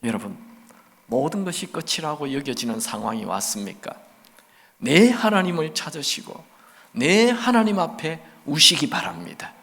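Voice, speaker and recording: A middle-aged man preaching with fervor, his voice high and bright as it climbs on repeated cries. He slows to read scripture aloud, rising and falling in wide swings. The sound rings out through the long reverb of a church sanctuary. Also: sing-song, gravelly. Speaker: pastor. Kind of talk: sermon.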